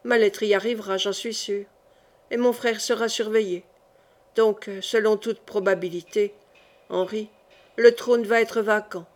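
Woman reading dying king, weary, remorseful, soft low confiding voice, audiobook. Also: steady tone, measured pace, natural voice.

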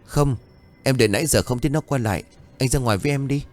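A man's voice: medium pitch, fast talker, soft background music, voice pushed up, natural voice. A man voicing a worried young village wife and mother, fretful and calling out anxiously.

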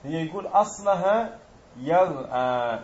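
A man's voice: on the high side, lively intonation, measured pace, a little mellow, dull audio. A man teaching a grammar lesson, explaining step by step and quizzing his students.

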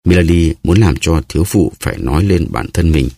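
A man narrating an audiobook in a steady storytelling manner, with a husky voice. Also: very deep voice, fairly quick. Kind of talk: scripted narration.

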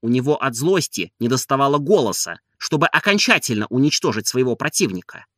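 A man narrating an audiobook of a classic novel in an expressive way. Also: medium pitch, a little fast, dry recording, studio quality.

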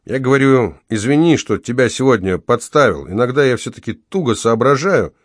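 A man's voice: mid-range voice, expressive, brisk, no room sound, studio quality, voice pushed up, close to an everyday voice. A man voicing a sheepish middle-aged husband who mumbles his apologies.

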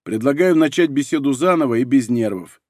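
A man voicing a stout, nervous businessman who speaks slowly and grudgingly, in an audiobook. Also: medium pitch, expressive, a little mellow, dry recording, clean studio sound, lightly acted. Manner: slow, grudging.

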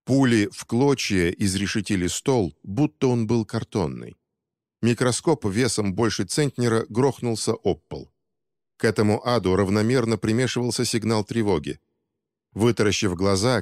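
A man narrating an action thriller audiobook in a steady, dramatic reading. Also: lowish voice, normal speed, no room sound, studio quality, in a large hall. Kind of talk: scripted narration.

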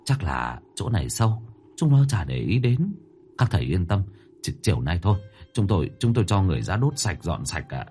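A man's voice: low voice, sing-song, a little fast, dark tone, faint music behind. A man doing a stammering, deferential villager. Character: nervous, deferential village father.

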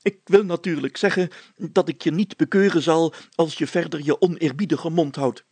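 A man's voice: fairly high pitch, moderate pace, a little mellow, husky, dry recording, pitched above the performer's own voice. A man putting on a blustering, pompous mayor. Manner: blustering, lecturing, puffed-up. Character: pompous self-important male mayor. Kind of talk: storybook reading.

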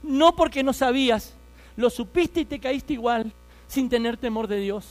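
A man's voice: very high-pitched, a little slow, faint music behind. A man in his thirties with an Argentine accent, telling his life story as a fervent preaching testimony and speaking straight to his listeners. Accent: Argentine Spanish.

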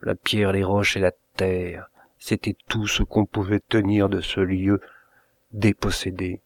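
A man reads a bleak first-person tale aloud, lingering over each phrase at a very unhurried pace. His voice sits fairly low and he gives the words a measured, dramatic weight. The sound is dry and close, with no room around it. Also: flat delivery, no echo. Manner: slow, measured, dramatic reading. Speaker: reader of short stories. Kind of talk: first-person literary narration.

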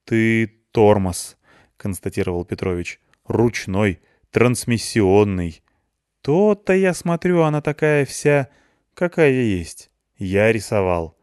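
A blunt older game developer with a dry, scolding way of talking, as a male audiobook reader plays him. The voice is low and plain. It is recorded close and dry. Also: big pitch swings, slow, darkish tone, smooth, dry recording.

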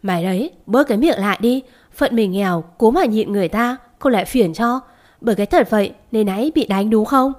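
Old servant woman, poor and timid, stammers when upset, protective, as read by a woman narrator. Pitch a touch higher, louder. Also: a little fast, close to an everyday voice. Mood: scolding, tender. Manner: stammering, scolding outburst.

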